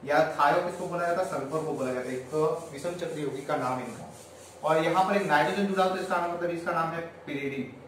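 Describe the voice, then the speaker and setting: Fairly high-pitched, brisk, and a bit bright, a male chemistry teacher lectures, counting out loud and answering his own questions to the class. Slight background noise accompanies a very echoey room, with the voice distant from the mic.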